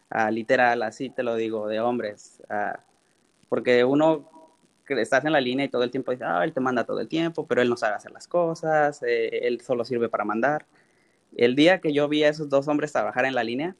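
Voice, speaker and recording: Man telling kitchen stories. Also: medium pitch. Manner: animated, acts out quoted dialogue in his own voice; repeats "literal" often. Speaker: interview guest, cook. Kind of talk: casual storytelling.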